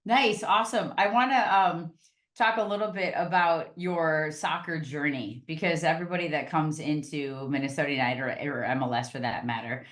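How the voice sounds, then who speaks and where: Brief: upbeat American woman, podcast host, chatty and loose, slightly lower voice. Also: normal speed, fairly bright tone. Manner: upbeat, chatty, repeats words while thinking. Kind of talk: casual interview.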